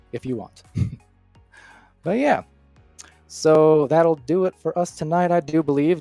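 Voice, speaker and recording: A man casting a live esports match, calling plays quickly and excitedly with casual fillers, then chatting loosely as host. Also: a little high, no echo. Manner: energetic, rapid play-calling with fillers. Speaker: esports caster. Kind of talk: live play-by-play esports commentary.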